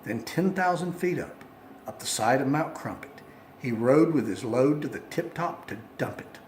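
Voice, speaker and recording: Man, storybook recitation from memory, theatrical sing-song, very lively pitch, faint noise. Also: moderate pace, reverberant. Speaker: amateur storyteller.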